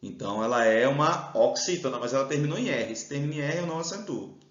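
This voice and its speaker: A man's voice: medium pitch, expressive, fast talker. A Brazilian male teacher works through an exam-prep grammar lesson, explaining each step and drawing out the stressed syllables. His voice sounds roomy and slightly dull. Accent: Brazilian Portuguese.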